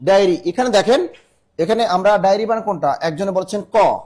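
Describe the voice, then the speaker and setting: Man, Bangladeshi Bengali accent, high-pitched, online class teacher, spells words letter by letter, brisk and urging. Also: animated, darkish tone. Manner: brisk, urging students to answer fast.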